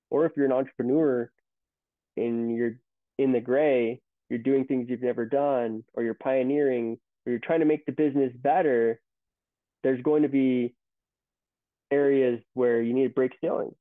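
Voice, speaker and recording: A man's voice: medium pitch, no echo. Man on a tinny call line. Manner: rambling, storytelling with many restarts. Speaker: company CEO, guest. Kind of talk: casual interview talk. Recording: tinny phone-like line, dry.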